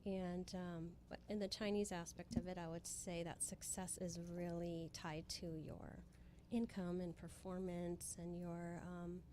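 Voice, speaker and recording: A woman from Hawaii, a spiritual guest in a conversational interview, offers earnest, emphatic motivational explanations and keeps returning to repeated phrases. Her voice is fairly low and dark, delivered flatly at an unhurried pace with hardly any pauses. There's slight background noise.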